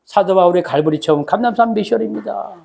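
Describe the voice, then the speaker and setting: A man preaching a sermon as pastor, telling the story with lively acted-out voices and calling for amens from the congregation. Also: sits high, fast talker, vocal fry, slight background noise. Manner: animated storytelling, acts out voices of biblical figures.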